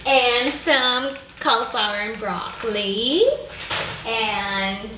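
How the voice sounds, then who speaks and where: A woman's voice: a little high, steady tone, slow. A young woman from the United States chatting and joking while cooking with a friend. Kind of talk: casual chat. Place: apartment kitchen. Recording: echoey room with background noise.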